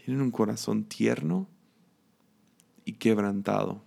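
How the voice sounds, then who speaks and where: A man with a Mexican accent gives a relaxed, conversational sermon. His voice sits a little low and has a gravelly edge. He talks reflectively, with casual fillers. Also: measured pace. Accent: Mexican Spanish. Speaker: preacher.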